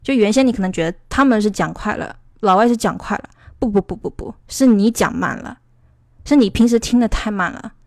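Woman, English teacher, from China, rambling explanations, middle pitch, dry room. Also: a little mellow, no room sound. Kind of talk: casual online lesson.

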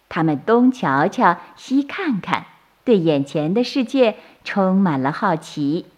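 Slow, soothing woman storyteller. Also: medium pitch, darkish tone. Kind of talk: bedtime story reading for children.

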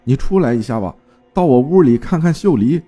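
A man's voice: mid-range voice, animated, fairly quick, warm tone, breathy edge, faint music behind. A man voicing a worried village junk collector pleading urgently for help. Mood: anxious.

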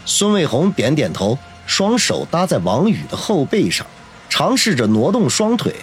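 A man's voice: on the high side, very animated, normal speed, faint music behind. Dramatic male audiobook narrator. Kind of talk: scripted novel narration.

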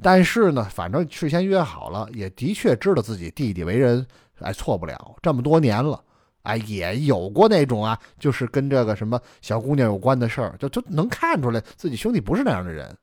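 A man's voice: mid-range voice, big pitch swings, fairly quick, a little mellow, dry recording, clean studio sound. A male storyteller, narrating a traditional tale in a chatty way full of explanatory asides.

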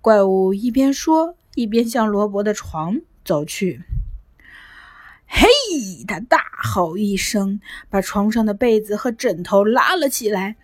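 Woman reading a gentle bedtime story. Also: mid-range voice, expressive, unhurried, hardly any pauses, dry recording. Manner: gentle, clear reading to children. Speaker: children's storyteller.

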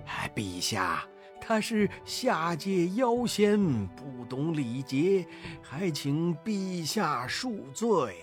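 A man voicing an old immortal official who pleads slowly and politely. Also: fairly high pitch, big pitch swings, faint music behind, exaggerated voice. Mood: pleading. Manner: slow, pleading.

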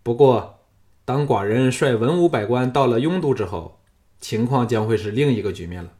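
A man voicing a young, proud and scheming king who is uneasy before his general, speaking in a raised, forceful voice in an audiobook. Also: mid-range voice, expressive, unhurried, close to an everyday voice.

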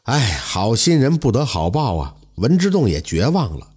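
A male storyteller telling a traditional tale in a dramatic, lively manner. His voice is husky and animated, with wide swings in pitch. He adds exclamatory asides. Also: normal speed.

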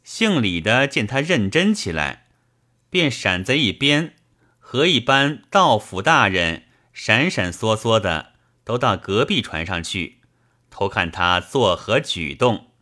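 A man narrating a classic novel as an audiobook, in a measured, expressive reading. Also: lowish voice.

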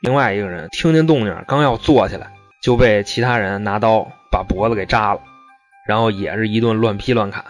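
A man's voice: on the low side, a little fast, faint music behind. A man telling a true-crime story in a casual, slangy, profane way.

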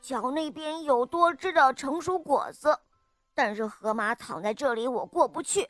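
A woman's voice: high voice, moderate pace, fairly bright tone, no room sound, soft background music. A woman voicing an eager, chattering monkey in a children's story. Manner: chatty, puffing with effort. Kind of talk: storybook reading.

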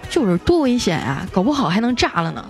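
A woman's voice: mid-range voice, sing-song, music in the background, crowd noise. A woman radio host reading out listener jokes in a playful, chatty way, adding teasing comments of her own. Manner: playful, chatty, teasing asides with drawn-out particles. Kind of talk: lively comic radio reading.

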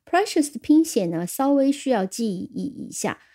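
A woman teaching English words in a recorded lesson, explaining patiently and spelling words slowly letter by letter on English. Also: a little high, sing-song, mellow.

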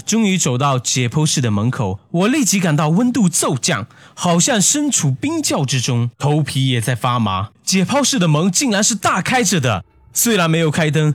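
Husky-voiced man telling a horror story. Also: fairly high pitch, dry recording. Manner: hushed, suspenseful telling. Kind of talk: first-person horror story narration.

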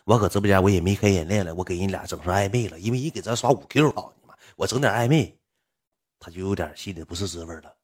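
A man's voice: low voice, fast, darkish tone, breathy edge. A livestreamer man telling a rambling personal story in blunt, earthy slang. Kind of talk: casual storytelling.

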